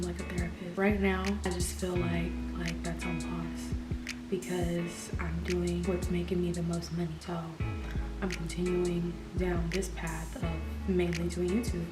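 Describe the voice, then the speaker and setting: A woman in her twenties doing a casual, slangy, sweary question-and-answer chat over a meal. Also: lowish voice. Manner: informal, slangy, frequent swearing. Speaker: YouTuber answering viewer questions. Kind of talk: casual mukbang Q&A chat while eating. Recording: roomy echo with background music.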